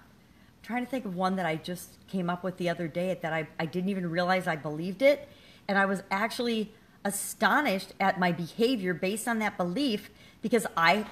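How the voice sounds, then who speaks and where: Talking straight to camera, this middle-aged vlogger and business coach offers a frank, self-deprecating pep talk to her audience. She speaks in a rather low, slightly bright voice.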